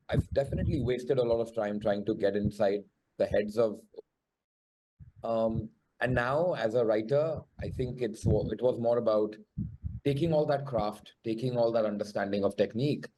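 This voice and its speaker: A man's voice: on the low side, mellow, a little hiss or hum, low-quality recording. A man with an educated, posh Indian English accent, speaking reflectively and articulately as a screenwriter in an interview. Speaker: screenwriter and show creator. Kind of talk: thoughtful panel interview answer.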